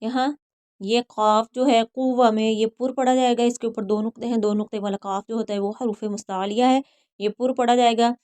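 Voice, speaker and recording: A woman's voice: on the high side, fairly even intonation, darkish tone. A woman teaching Quran reading, spelling out Arabic letters and their vowel marks one by one and explaining how each is pronounced, with an Urdu accent. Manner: slow and careful, letter by letter.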